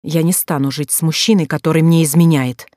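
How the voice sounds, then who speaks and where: A narrator voicing a furious, betrayed young wife who shouts crude accusations in an audiobook. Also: medium pitch, steady tone, brisk, no room sound, clean studio sound, lightly acted. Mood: indignant.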